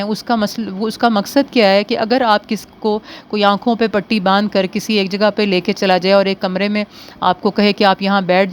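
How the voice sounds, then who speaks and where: A woman giving a training lecture on listening skills, switching between Urdu and English and speaking slowly and deliberately in English. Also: medium pitch, slight background noise, low-quality recording. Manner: slow and deliberate in English, quicker in Urdu, mixing both.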